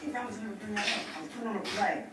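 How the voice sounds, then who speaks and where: A man's voice: sits high, racing, close to an everyday voice. An actor playing a cocky, wisecracking young man in a film, speaking in a brash, slangy way. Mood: defensive. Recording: very echoey, noisy, distant film playback.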